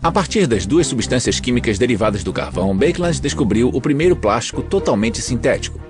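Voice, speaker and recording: A man's voice: mid-range voice, expressive, fairly quick. A man with a Brazilian accent reading scripted documentary narration as a dubbed voice-over. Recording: music under the voice.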